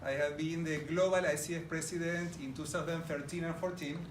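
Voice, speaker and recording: Speaking briskly in a higher-than-average voice with fairly even intonation, this middle-aged man from Argentina has an Argentine Spanish accent. He presents enthusiastically to a crowd in a big room, talking straight to them, captured in distant, roomy audio with noise behind him.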